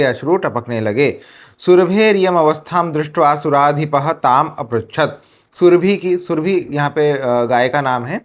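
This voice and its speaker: An Indian man teaching a Sanskrit textbook lesson, reading each line and then restating it slowly several ways in Hindi. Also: on the high side.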